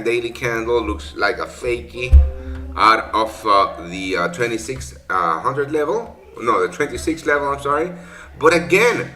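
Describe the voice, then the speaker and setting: Hosting a trading session, a bright-voiced man at medium pitch gives casual live-stream market commentary. A native Spanish speaker, he rambles with many fillers and self-corrections.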